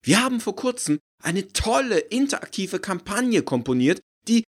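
A man reading an audiobook, voicing an excited, effusive female advertising executive. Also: on the high side, unhurried, pitched above the performer's own voice. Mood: gushing.

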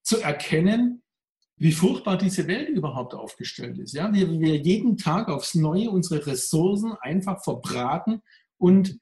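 A man in an interview answers thoughtfully and at length. His voice sits somewhat high and sounds pressed from a tight neck. The room gives it a noticeable echo. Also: very animated, a little slow, darkish tone. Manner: reflective, speaks of a strained, pressed voice. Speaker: coach and workshop speaker. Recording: roomy echo.

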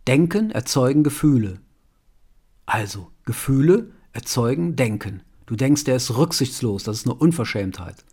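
This man speaks at a medium pitch that swings widely, at a moderate pace, his voice a little mellow and slightly rough. He delivers a conversational self-help talk aimed right at the listener, posing rhetorical questions and ending sentences with a questioning "ja?".

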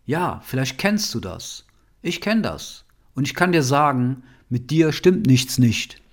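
A man's voice: medium pitch, very animated, unhurried. Earnest, heartfelt male podcast host. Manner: earnest and heartfelt, often adding a soft questioning "ja?". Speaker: podcast host and nonviolent communication trainer. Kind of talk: personal podcast monologue.

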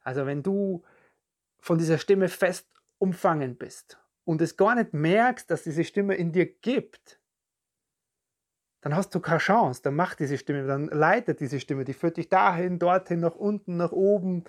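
A podcast coach giving a calm, reflective self-help talk straight to the listener, often searching for words and repeating phrases. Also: mid-range voice, measured pace. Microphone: podcast and video recording.

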